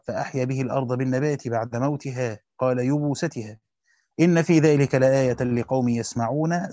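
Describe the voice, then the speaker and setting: A man with an Egyptian accent reads a Quran commentary aloud quickly as a teacher. He stops to explain grammar and quizzes his students. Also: medium pitch, a little mellow, no echo. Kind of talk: fast classical Arabic reading with colloquial explanations. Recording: dull lo-fi dry recording.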